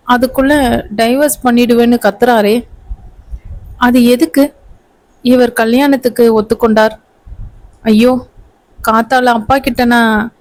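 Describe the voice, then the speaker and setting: A woman reading a storybook voices a bewildered young bride who pleads softly and tearfully. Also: fairly high pitch, close to an everyday voice. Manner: pleading, soft-spoken.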